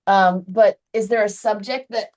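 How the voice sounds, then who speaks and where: A woman's voice: mid-range voice, fairly even intonation, a little slow, a little mellow. A woman teaching an online English lesson, chatty and encouraging, with frequent laughs; she is dizzy today. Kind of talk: one-on-one online lesson chat.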